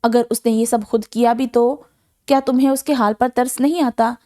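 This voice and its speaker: A man's voice: very high-pitched, steady tone, dark tone. A woman voicing an angry, vengeful young man from a novel, bitter and scornful in manner.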